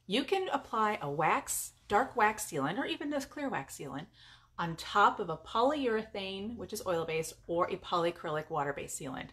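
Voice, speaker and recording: Middle-aged woman from California, casual live-stream host talking from her garage, upbeat and chatty, mid-pitched voice. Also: fairly bright tone. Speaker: furniture painter and paint business owner. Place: home garage.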